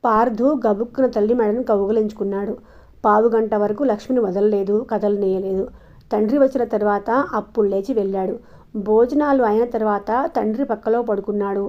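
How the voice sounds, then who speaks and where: Woman calmly narrating a novel. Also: mid-range voice, a little fast. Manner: calm, even storytelling. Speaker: audiobook narrator. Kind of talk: scripted narration. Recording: dull lo-fi recording.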